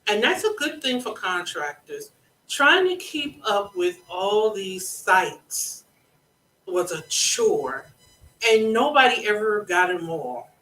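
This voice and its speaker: Slow, bright-toned consultant with a scratchy throat. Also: mid-range voice, sing-song, recorded from a distance. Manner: deliberate, instructive, repeats points for emphasis. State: scratchy throat, keeps clearing it. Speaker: government contracting consultant and show host. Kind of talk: live educational monologue. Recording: roomy echo, speaking away from the mic.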